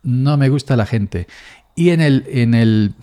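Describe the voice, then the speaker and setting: A man's voice: medium pitch, animated, slow, dark tone. A man in his forties from Andalusia with an Andalusian Spanish accent, rambling casually through a solo podcast with many restarts and repeated words. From Andalusia, Spain.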